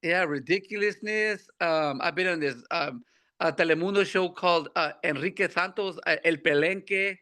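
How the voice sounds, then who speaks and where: A man guest comedian with an unexpectedly high voice, chatting casually in slang with many restarts. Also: moderate pace, sharp tone. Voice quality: unusually high voice for his look. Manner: laid-back slangy talk, many repeats. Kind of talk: casual interview chat.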